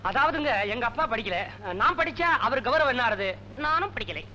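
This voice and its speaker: A naive, blurting son. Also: male voice, extremely high pitch, animated, a little fast, bright, forceful tone, slight background noise, full character voice, poor audio. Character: naive simple-minded young man, blurting. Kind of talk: 1970s film comedy acting.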